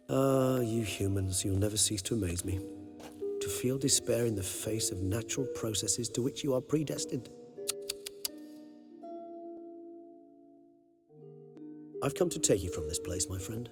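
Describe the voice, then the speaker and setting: A man's voice: lowish voice, close to an everyday voice. An actor playing a refined, ancient male vampire who speaks in dry, ornate, lightly sarcastic phrases, in video game dialogue. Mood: wry. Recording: game audio with music underneath.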